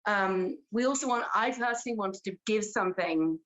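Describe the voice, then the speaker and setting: A woman's voice: medium pitch, moderate pace, low-quality recording. Chatty English woman, theatre director. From Britain. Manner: chatty, laughs often, animated storytelling. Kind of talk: casual interview chat.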